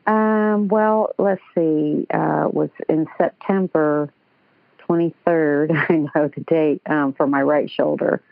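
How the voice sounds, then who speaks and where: Woman calling into a radio show, very low voice through a thin phone line, chatty and hesitant. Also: fairly even intonation, slow pace, gravelly, no echo. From United States. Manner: chatty, hesitant, laughs lightly. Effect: phoned-in caller on a radio show. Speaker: caller.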